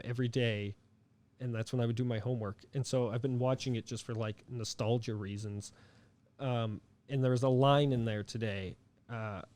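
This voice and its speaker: A man's voice: medium pitch, darkish tone. A young man co-hosting a podcast in casual chat, rambling with lots of fillers and restarts. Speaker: podcast co-host.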